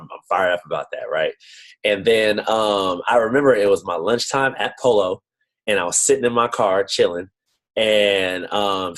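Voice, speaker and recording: A man leading a team video call, telling a slangy, animated motivational story in casual talk over a computer mic. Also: lowish voice, low-quality recording. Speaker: network-marketing team leader.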